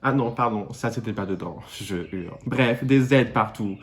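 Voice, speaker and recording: A man's voice: medium pitch, normal speed. A man from Réunion giving a comedic vlog monologue in a playful, camp, theatrical way. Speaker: YouTuber.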